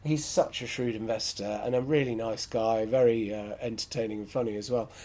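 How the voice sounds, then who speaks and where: A man's voice: lowish voice, fairly even intonation, fairly quick, a little mellow. Frank man hosting a podcast. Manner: frank and opinionated, thinking aloud. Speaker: podcast host. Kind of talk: solo podcast commentary.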